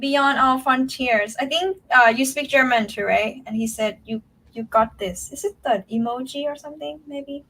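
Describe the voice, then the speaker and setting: A woman's voice: sits high, brisk, fairly bright tone, low-quality recording. A woman teacher hosting a casual livestream, talking in a chatty, encouraging way. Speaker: Thai language teacher and livestream host.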